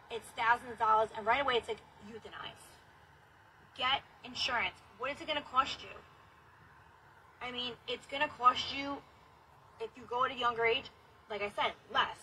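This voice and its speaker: On a car livestream, a thirtysomething host talks in a blunt, profane, casual way. She sounds slightly high-pitched, pushed and bright. Sound quality is poor: a phone at arm's length picks her up amid the noise of the car's interior.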